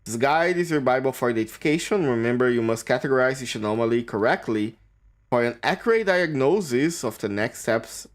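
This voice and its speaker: A man streams a game and reads its text aloud, often tripping over a word and starting again. His pitch swings widely as he reads, sitting in a middle register. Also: animated. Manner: reads haltingly, stumbles and restarts on words.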